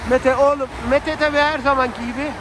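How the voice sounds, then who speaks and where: Brisk and extremely high-pitched, this man from Turkey vlogs outdoors on a snowy city street, chatting colloquially and throwing lively remarks to his family and viewers. He films with a handheld phone, and traffic noise fills the background.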